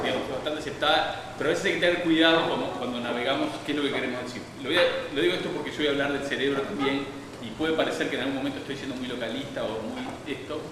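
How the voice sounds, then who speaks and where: A man gives a public science lecture, wandering through his points with frequent restarts and fillers. He sounds distant from the microphone in a very echoey hall. A steady noise sits behind his voice. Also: medium pitch. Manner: digressive, many restarts and fillers.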